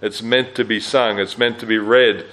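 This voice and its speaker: Teaching a Bible study at church camp, this man talks casually, stopping to correct himself and leaning on fillers. His voice is deep yet fairly bright, with a steady tone at an ordinary pace.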